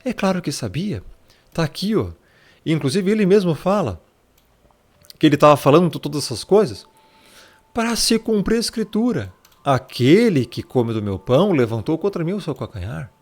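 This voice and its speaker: Man, gravelly voice, casual Bible study teacher, chatty tag questions. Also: fairly high pitch, sing-song, normal speed, darkish tone. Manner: conversational, peppered with tag questions, addresses listener as brother. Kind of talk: casual Bible study explained over a shared screen.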